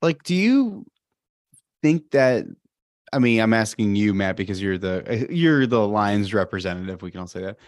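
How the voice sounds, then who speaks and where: A man's voice: lowish voice, very animated, moderate pace, no room sound, clean studio sound. A man co-hosting a casual sports podcast, jokey and teasing, laughing between points. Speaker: podcast co-host.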